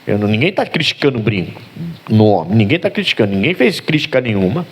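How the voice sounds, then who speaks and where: A man's voice: fairly low pitch, fast talker, breathy edge. A man with a Brazilian Portuguese accent, a pastor preaching a sermon who acts out bits of dialogue along the way. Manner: animated preaching with acted-out dialogue.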